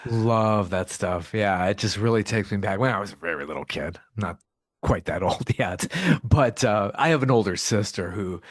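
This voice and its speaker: A man's voice: fairly low pitch, normal speed, dry recording, studio quality. A man in his fifties from Cleveland, Ohio, hosting an arts podcast and chatting eagerly with his guest. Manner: enthusiastic, complimentary. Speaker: podcast host. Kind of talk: casual interview chat.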